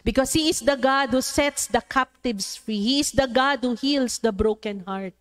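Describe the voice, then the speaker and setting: Woman preacher, sermon, animated, acts out voices, fairly high voice. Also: unhurried. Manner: animated, acts out children's voices in her stories; mixes English into Tagalog, addresses the congregation.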